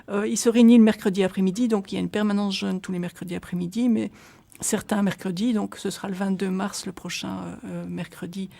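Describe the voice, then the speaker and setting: Speaking as a radio interview guest, this middle-aged woman from Belgium is an association volunteer. She has a warm, medium-pitched voice with some vocal fry, and her long explanations are full of hesitations and fresh starts.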